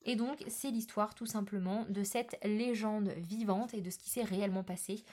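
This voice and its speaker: A woman's voice: mid-range voice, fairly even intonation, moderate pace, warm tone. A woman talking casually in a book vlog, often hesitating with filler sounds and restarts. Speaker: book vlogger.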